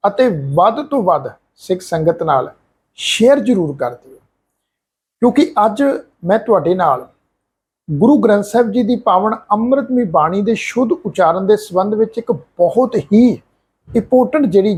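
Male teacher, husky, deliberate, reciting verses to show pronunciation. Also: high voice, lively intonation, a little mellow. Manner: earnest, slow and deliberate, chanting scripture lines as examples. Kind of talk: religious pronunciation lesson.

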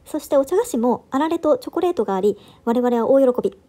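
A woman's voice: high-pitched, expressive, fast talker, dark tone. A woman in her thirties giving an upbeat, enthusiastic scripted voice-over for a travel vlog, recorded indoors. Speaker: travel vlogger.

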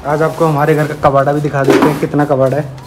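A man's voice: on the high side, flat delivery, fast, very noisy. A young man talking casually to camera in a vlog, chatty, showing viewers things around his home. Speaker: vlogger. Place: at home, indoors and by a parked bike.

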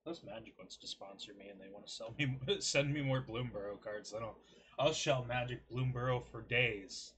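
At a normal speed and in a slightly bright, mid-range voice, a twenty-something man chats to his desk webcam from a small, cluttered bedroom. He rambles through a food review, joking and mocking himself along the way.

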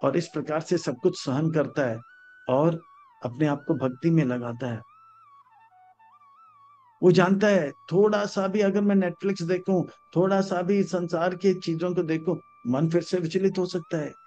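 Man, high voice, Hindi scripture sermon, slow chanted verses, muffled lo-fi sound, faint music. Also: steady tone, darkish tone. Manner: chants Sanskrit verses slowly, acts out story characters. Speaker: spiritual teacher. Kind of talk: Hindi scripture discourse with stories.

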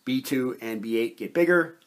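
Speaking at medium pitch and normal speed, a man teaches a chemistry lesson at a whiteboard. He works through it methodically, one step at a time, explaining every point as he goes.

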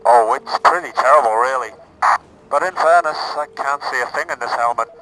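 A man playing a disillusioned, hapless Imperial soldier in a comic parody film, hesitant and deadpan, his voice filtered as if from inside a knight-like helmet. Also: medium pitch, unhurried, very noisy. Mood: glum, hesitant. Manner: hesitant, deadpan, polite and self-doubting. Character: disillusioned, hapless Imperial Stormtrooper seeking a new career.

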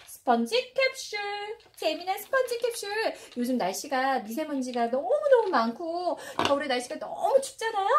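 Young mom vlogger, very high lively voice, cooing at her baby at home. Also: background noise. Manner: sing-song, exclamatory, cooing to a child. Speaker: mother filming play with her baby. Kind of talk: playful parenting vlog narration. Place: home indoors.

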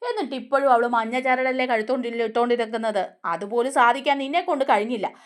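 A woman's voice: fairly high pitch, fast talker, natural voice. A woman voicing a man who taunts his brother over a broken promise. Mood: taunting.

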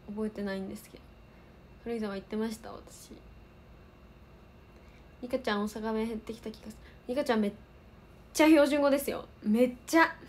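Answering comments from viewers, this idol livestream host chats in a relaxed way. She's an Osaka woman in her twenties with a light Kansai accent, and her voice sits on the high side and sounds a little mellow, with slight background noise.

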